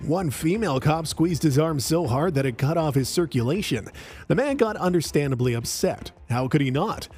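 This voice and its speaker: A man narrates a scripted account in a steady, measured way. His voice sits fairly high for a man. The delivery is even and smooth throughout.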